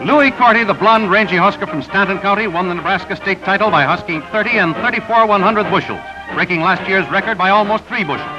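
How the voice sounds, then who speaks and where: Sports results are delivered briskly by a male announcer with a high-pitched voice, in the style of a vintage 1930s cinema newsreel. Music runs clearly beneath him, and the sound is dull and lo-fi, like an old newsreel soundtrack.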